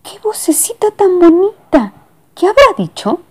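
A woman's voice: extremely high pitch, very animated, measured pace, heavy background noise, voice pushed up, exaggerated voice. Woman doing a cooing, fussy lady passenger. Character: fussy doting lady passenger, middle-aged.

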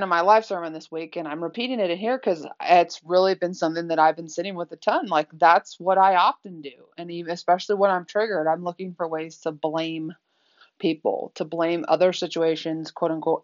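A woman's voice: lowish voice, steady tone, fairly quick, lo-fi sound. A woman speaking candidly in a reflective personal talk, conversational and full of fillers.

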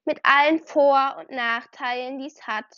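A woman's voice: high-pitched, steady tone, measured pace, sharp tone, no echo, lo-fi sound. Woman reading as a stern warrior she-cat. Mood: solemn. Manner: challenging, commanding. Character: stern proud young female warrior cat.

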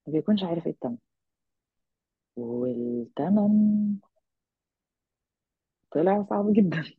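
A woman with an Egyptian Arabic accent giving a halting, reflective personal account as an interview guest. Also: fairly low pitch, expressive, slightly rough, no room sound. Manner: halting, reflective, with trailing phrases. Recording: thin, phone-like narrow-band sound.

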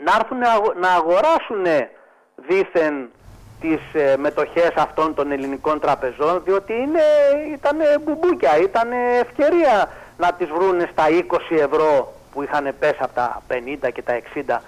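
High-pitched, indignant male radio guest. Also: animated, poor audio. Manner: indignant, emphatic, breaks into mock voices of ads. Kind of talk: radio talk show discussion.

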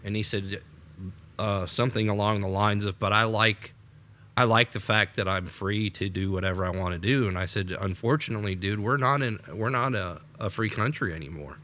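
Casting: American male podcast co-host, low and forceful, repeated starts. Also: a little fast. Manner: rambling with frequent repeated starts, laughs. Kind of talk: unscripted political chat.

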